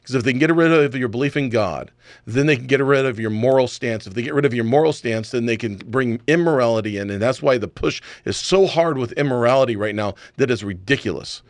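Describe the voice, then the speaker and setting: A man's voice: medium pitch, brisk, dry recording. A man hosting a talk radio show, ranting emphatically and firing off rhetorical questions. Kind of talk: opinionated talk radio chat.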